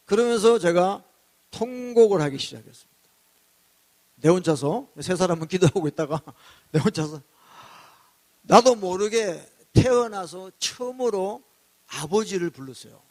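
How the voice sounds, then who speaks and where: A high-pitched male pastor preaching in a church. He tells a personal testimony with lively, emotional storytelling, and at moments it breaks into full shouts. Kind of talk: revival sermon testimony.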